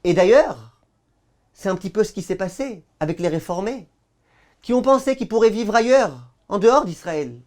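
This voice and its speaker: A man giving a sermon as a rabbi, arguing through rhetorical questions, dramatic pauses and imagined replies. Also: high-pitched, a little mellow.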